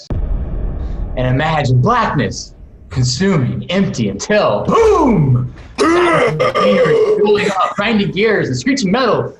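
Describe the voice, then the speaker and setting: On a video call from indoors, a man with a slightly high voice reads scripted stage directions aloud as dramatic, emphatic storytelling narration. The sound is roomy, with slight background noise.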